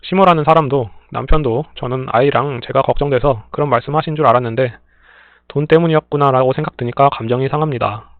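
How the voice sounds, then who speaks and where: A man reading listener stories aloud in a plain, steady way, adding brief dry remarks between them. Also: mid-range voice, fast talker, no room sound. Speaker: story reader and channel host. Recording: tinny phone-like dry sound.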